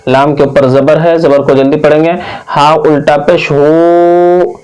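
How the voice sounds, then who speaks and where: A man from India teaching Quran reading, spelling out each word slowly and patiently, drawing out long vowels. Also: a little high, level tone, a little mellow, poor audio. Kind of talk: slow spelled-out recitation lesson.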